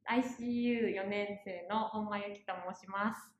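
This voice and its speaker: A woman's voice: medium pitch, fairly even intonation, moderate pace, reverberant, muffled recording. A young woman from Osaka with a Kansai accent, a university student chatting casually as a guest and laughing often. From Osaka, Japan. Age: young adult. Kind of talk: casual podcast chat.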